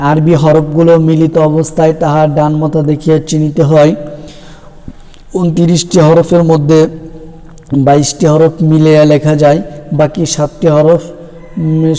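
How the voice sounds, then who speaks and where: A man gives a slow, patient lesson, naming Arabic letters one at a time and drawing some out in a chant. His voice sits fairly high but stays flat and even, with a mellow, smooth tone. A long reverb trails after each word. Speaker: Quran reading teacher.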